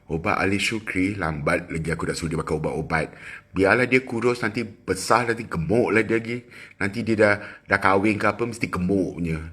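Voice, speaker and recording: A middle-aged man with a Malaysian accent, chatting casually with viewers on a phone livestream, teasing and quick with asides. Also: sits low, a bit bright, slightly rough. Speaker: livestream host. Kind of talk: casual live chat with viewers.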